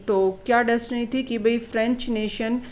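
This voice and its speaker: A woman teacher going through exam questions with students, reading English questions slowly and explaining them in Hindi mixed with English. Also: fairly high pitch, fairly even intonation, darkish tone, poor audio. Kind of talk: exam revision lesson.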